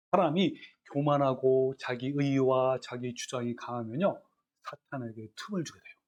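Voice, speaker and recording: A man preaching a sermon, his voice sitting a little higher than most men's. He throws rhetorical questions at his congregation. He also gives quoted scripture its own dramatic reading. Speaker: pastor.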